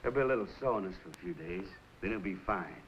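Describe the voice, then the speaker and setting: An actor playing an easygoing young country doctor with a Southern accent and a folksy drawl, in a 1950s TV western. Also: male voice, deep voice, lively intonation, rapid-fire, slight background noise. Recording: dull lo-fi old TV soundtrack.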